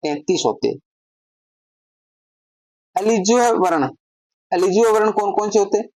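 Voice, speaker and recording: A woman's voice: medium pitch, lively intonation, a little slow, mellow, no echo. A woman teaching a grammar lesson, explaining step by step and answering her own questions.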